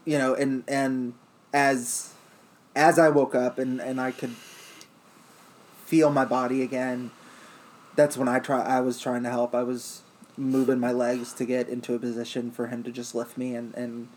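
A man's voice: medium pitch, level tone, a little slow, a little mellow, rough recording. A man in casual chat, joking and chatty.

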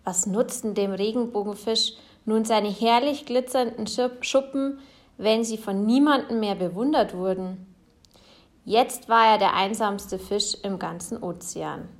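A woman reading a children's picture book aloud in a slow, expressive way. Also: medium pitch. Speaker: storyteller.

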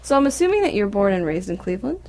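A woman's voice: medium pitch, very animated, very fast, darkish tone. A young woman hosting a casual radio chat, chatty and laughing often. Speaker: host.

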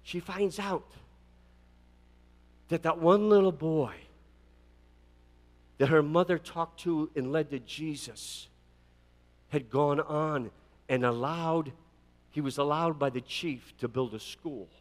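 A man preaching a sermon, telling a long story with dramatic swings between loud fervent peaks and quiet passages, often repeating words as he restarts. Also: a little high, slow, pauses often. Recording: long hall reverb.

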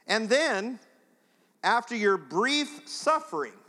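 A man's voice: sits high, very animated, takes it slowly, sharp tone, long reverb tail. A man preaching a sermon as pastor, chatting straight to the congregation in a conversational way.

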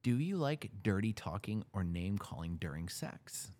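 Deep-voiced guy doing a cheeky interview, teasing his guest, low rumbly voice. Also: very animated, normal speed, a little mellow. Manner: teasing, mimics others in playful quotes. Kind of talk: frank casual interview.

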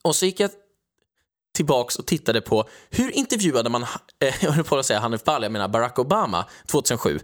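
A man's voice: medium pitch, very animated. A man ranting sarcastically in casual political chat, mocking others with put-on voices.

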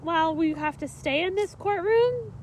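A child's voice in an improvised story podcast, bossy, excitable and dramatic. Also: very high-pitched, measured pace, a little hiss or hum.

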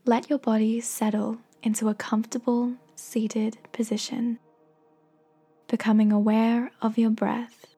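Soft breathy woman guiding a meditation. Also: on the high side, little pitch movement, faint music behind. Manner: gentle, slow, encouraging. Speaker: guided meditation host. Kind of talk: guided meditation, soothing scripted narration.

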